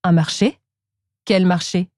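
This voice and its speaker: A woman voicing a greedy, hot-tempered tiger in a children's storybook reading, in a gruff, demanding way. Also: lowish voice, fairly even intonation, slow pace, a little mellow, no echo, studio quality.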